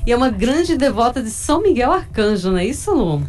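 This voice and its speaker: A woman's voice: fairly high pitch, very animated, fast talker, a little mellow, slight background noise. Radio host woman, friendly and affirming. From northeastern Brazil. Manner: friendly, frequent affirming backchannels. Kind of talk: live radio interview. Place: radio studio.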